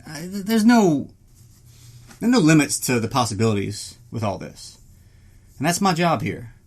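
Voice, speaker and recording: A man's voice: a little high, sing-song, moderate pace, a little mellow, husky. A man hosting a solo podcast in casual, rambling chat, self-deprecating, joking and prone to swearing, recorded inside a small closet.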